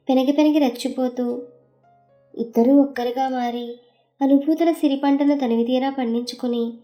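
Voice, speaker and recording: High-voiced woman reading a story. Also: mellow. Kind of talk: storybook narration.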